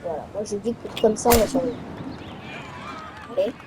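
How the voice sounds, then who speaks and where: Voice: medium pitch, normal speed, background noise. A gaming video host giving casual let's-play commentary, thinking aloud while playing.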